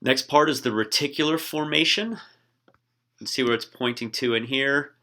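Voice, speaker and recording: A man teaching a recorded class in a relaxed way, often pausing with ums and uhs. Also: mid-range voice. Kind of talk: casual classroom lecture.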